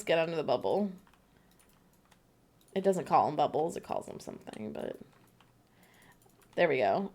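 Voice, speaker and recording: A bubbly woman livestreaming a co-op game, chatting and giggling with her partner. Her middling voice carries a gravelly, creaky edge. Keyboard typing clicks behind her. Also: medium pitch. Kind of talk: casual gameplay chat.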